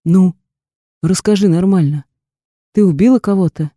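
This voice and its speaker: Woman voicing a young man, angry, blunt, gruff, mellow, dry sound. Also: fairly low pitch, moderate pace, dry recording, natural voice. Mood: shocked. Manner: gruff, blunt, shouting in anger. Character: hot-tempered young man, angry boyfriend.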